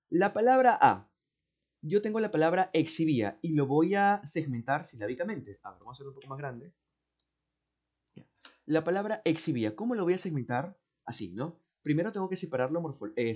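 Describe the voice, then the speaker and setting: A man with a Peruvian accent explains exam answers step by step, speaking slowly, repeating words and often checking with "¿no?" or "¿cierto?". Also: on the high side, darkish tone. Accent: Peruvian Spanish. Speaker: teacher. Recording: dull, muffled audio.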